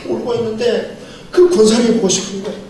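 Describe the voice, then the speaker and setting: Speaking fast in a high, mellow voice with a steady tone, this middle-aged man is a pastor giving a seminar lecture. His sermon unfolds as a story full of acted-out dialogue and frequent chuckles. The sound is distant and heavily echoed in a hall, with a little background noise.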